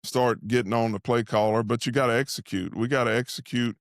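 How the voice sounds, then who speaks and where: A man's voice: medium pitch, fairly even intonation, fairly quick, dry recording, clean studio sound. A man giving casual halftime football commentary as a host who talks like an invested fan of the team. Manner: speaks as an invested fan, saying "we". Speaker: sports show host and analyst.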